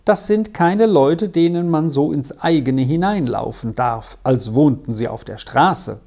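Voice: medium pitch, expressive, measured pace, vocal fry, warm tone. A storybook reader voicing Marianne, a caring woman who warns a child insistently. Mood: stern. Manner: warning, insistent.

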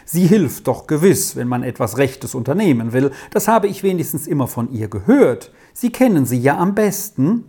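A reader voicing an excitable village woman who talks in an agitated, pushy way. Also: medium pitch, moderate pace, few pauses, breathy edge.

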